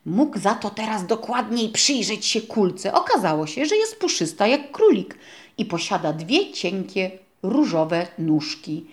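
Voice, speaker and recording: A woman reading a children's storybook aloud in a gentle, expressive narrating voice. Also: medium pitch, a little slow. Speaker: audiobook reader.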